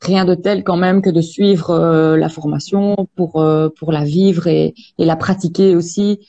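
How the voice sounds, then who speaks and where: A woman with a mellow, soft-edged voice speaks calmly and at a measured pace, often pausing on hesitations. She explains energy healing sessions as a guest in an interview. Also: lowish voice. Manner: calm, measured, many hesitations. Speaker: Access Bars practitioner, guest.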